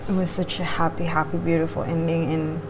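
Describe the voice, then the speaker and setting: Brisk and level in tone, a low-pitched woman vlogger talks casually between bites of food while reviewing a show. She meanders from one thought to the next, mukbang-style, over clearly audible background noise.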